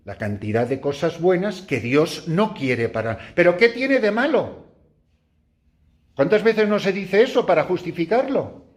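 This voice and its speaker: A middle-aged man with a Spanish accent, preaching a retreat meditation to nuns. His voice sits fairly high and swoops wildly, leaping up as he acts out his own story before dropping low and quiet. He talks like an animated storyteller. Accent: Spain Spanish. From Spain. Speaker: priest giving a retreat meditation. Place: room with a small group of nuns.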